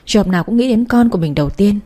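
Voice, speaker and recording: Husky-voiced woman narrating a story. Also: medium pitch, expressive, very fast, warm tone.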